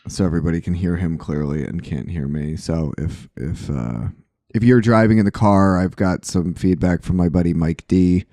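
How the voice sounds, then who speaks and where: Candid and wry, a deep-voiced man who hosts a podcast and runs a sober living house talks casually at a normal speed, leaning on "uh" a lot. His low tone is dark and mellow, and the sound is dry, close, and echo-free, though the weak mic leaves him hard to hear.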